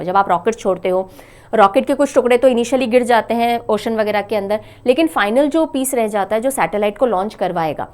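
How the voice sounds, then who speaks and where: A woman teaching a current affairs lesson for exam preparation, asking questions and answering them herself, mixing English phrases into Hindi. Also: on the high side. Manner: explains step by step, asks and answers own questions. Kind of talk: exam-prep lecture.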